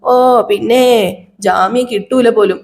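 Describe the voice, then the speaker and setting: A woman puts on a stubborn old grandmother from a TV serial, defiant and scolding, her voice pushed a touch higher as she refuses to back down. She scolds in a quick, insistent way. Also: gravelly, a little mellow. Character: stubborn older grandmother facing police.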